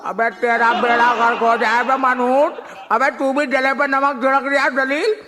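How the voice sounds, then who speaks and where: High-pitched scolding man, echoey. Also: flat delivery, moderate pace, crowd noise. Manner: irritable, scolding, laughing. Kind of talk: comic sketch acting. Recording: hall reverb with clear noise.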